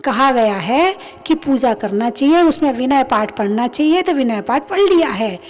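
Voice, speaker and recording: A woman's voice: high voice, animated, normal speed, darkish tone. A woman, a Jain nun, giving a sermon, speaking emphatically and asking and answering her own questions. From India. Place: recorded during a religious discourse.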